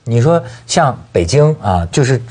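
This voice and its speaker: A man's voice: mid-range voice, sing-song, normal speed, darkish tone. A man hosting a casual panel discussion, talking colloquially with exclamations and prompting questions. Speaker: talk show host.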